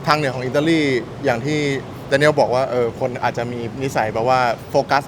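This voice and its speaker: A man's voice: medium pitch, fairly even intonation, fairly quick, background noise. A man interviewing someone casually, chatty and informal, with plenty of little interjections.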